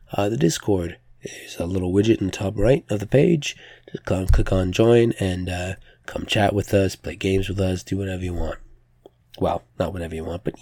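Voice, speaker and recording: A man's voice: deep voice, warm tone, slightly rough, dry recording. A man hosting a podcast solo with casual news commentary, hesitant and self-correcting, in a slightly strained, pressed voice. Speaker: podcast host.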